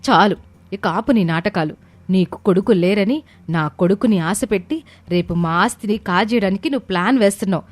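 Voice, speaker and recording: A woman's voice: medium pitch, brisk, dry recording, close to an everyday voice. A woman doing a harsh, scolding rich mother. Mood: furious. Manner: shouting, scolding, contemptuous. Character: proud wealthy young mother, harsh and quick-tempered. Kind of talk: storybook character voice.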